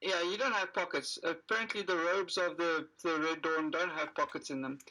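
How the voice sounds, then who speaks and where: Woman game master, lowish but bright voice, running a tabletop game casually. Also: fairly even intonation, moderate pace, slight background noise, low-quality recording.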